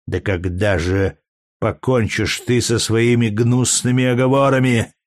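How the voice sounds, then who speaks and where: A man reading aloud and voicing a hulking, furious gladiator in a low, menacing growl. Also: fairly bright tone, full character voice.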